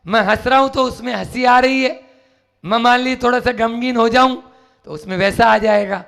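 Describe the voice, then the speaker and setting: A man, a monk, giving a sermon at a jail gathering, telling stories in animated swings between loud and soft. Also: extremely high pitch, moderate pace, creaky. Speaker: Jain monk preacher. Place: jail gathering, partly outdoors. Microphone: camera recording.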